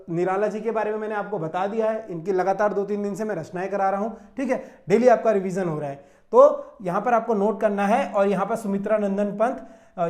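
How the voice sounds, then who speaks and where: A man's voice: high voice, a little mellow. A man from Uttarakhand teaching an exam-prep lesson in Hindi, explaining step by step and checking in often with his students. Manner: explains step by step, with frequent "theek hai" checks.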